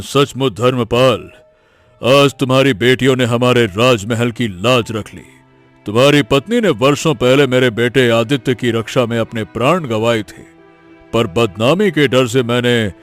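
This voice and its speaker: A man's voice: medium pitch, measured pace, soft background music, lightly acted. An actor playing a dignified older king who speaks formally and with remorse. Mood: regal. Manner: regal, formal apology.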